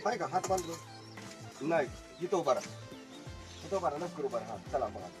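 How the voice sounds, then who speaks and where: A middle-aged magician works an outdoor farm crowd. His voice sits high for a man, and he is a joking showman who keeps calling for loud applause. Clear music plays behind him. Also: lively intonation, a little fast. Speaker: magician performing for a tour group. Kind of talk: lively stage patter with crowd banter. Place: outdoors at an agro-tourism farm.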